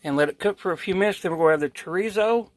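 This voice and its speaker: Brief: folksy Appalachian man, slightly high voice, home cooking show host, faint noise behind. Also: racing. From Kentucky, USA. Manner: folksy, self-correcting, chatty asides. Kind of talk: casual cooking vlog. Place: home kitchen.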